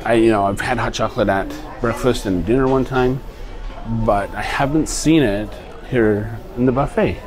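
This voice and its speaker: Music plays under this low-quality recording of a male travel vlogger strolling around a cruise ship's indoor buffet. He talks casually and meanders as he films by hand, his mid-range voice moving at a moderate pace.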